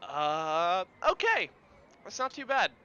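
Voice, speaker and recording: Male game master, smooth clear high voice, animated narration with vocal sound effects. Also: slow pace, lo-fi sound.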